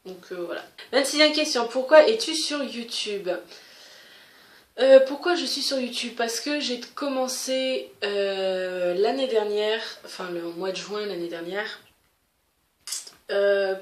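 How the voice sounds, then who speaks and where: A woman vlogger answers a question tag to camera in a casual, hesitant way, full of fillers and restarts. Her mid-range voice moves slowly, and the recording carries a roomy echo.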